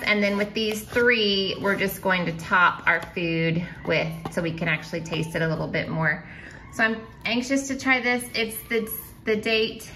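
A woman's voice: medium pitch, sharp tone, a little hiss or hum, poor audio. A woman in her thirties chatting casually at home through a grocery haul vlog, rambling with small asides and a little out of breath. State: slightly out of breath. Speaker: vlogger.

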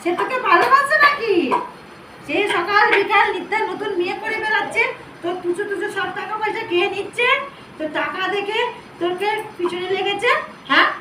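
Brief: woman as the goddess in trance, very high shrill voice, scolding devotees, echoey room, distant mic. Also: a little fast, noisy background. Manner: scolding, commanding, addresses listeners as child. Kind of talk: trance-like divine address.

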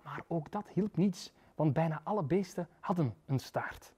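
A man with a Flemish accent reading a children's story aloud in a lively, playful way in a historic library reading room. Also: a little high, moderate pace, slightly rough. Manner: lively, playful, voices characters. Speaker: storybook reader, literature lecturer.

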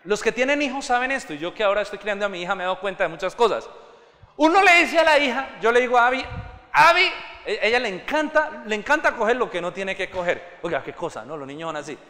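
A man's voice: high-pitched, very animated, fast talker, sharp tone. A man preaching a sermon with passion, rising to fervent exclamations and acting out everyday scenes. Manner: acts out everyday scenes and quoted voices. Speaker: pastor. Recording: reverberant hall.

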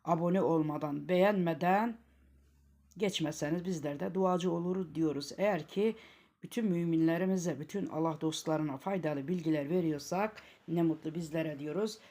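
A woman with a Turkish accent teaching Quran reading. She repeats each example word slowly and loudly, then explains it more quietly. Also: low-pitched. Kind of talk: slow step-by-step recitation lesson.

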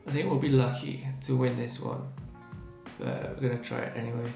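In this casual let's-play, a gaming channel host in his thirties reacts to each result in a brisk, dark, medium-pitched voice with vocal fry and fairly even intonation. He sounds strained and sore-throated, recorded on a webcam mic at his desk in a small, roomy-sounding room, with faint music behind.

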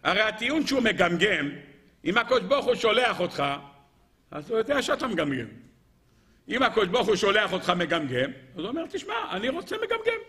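Speaking in a high voice, a rabbi gives a lively Torah lesson, throwing out rhetorical questions and talking straight to his audience.

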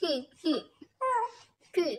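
A woman's voice: extremely slow, darkish tone. A young mother teasing and coaxing her baby in playful, sing-song baby talk.

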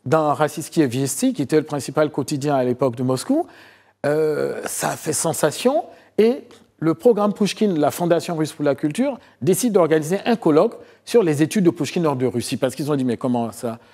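A middle-aged man from Côte d'Ivoire talks through his past as a guest in a TV studio. His voice is husky and mellow, set a little high for a man. He tells it as a long story, pausing on fillers and circling back over phrases. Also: lively intonation. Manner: long storytelling answers with many hesitations and repeated phrases. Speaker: historian and author guest. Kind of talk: TV interview, recounting his research.

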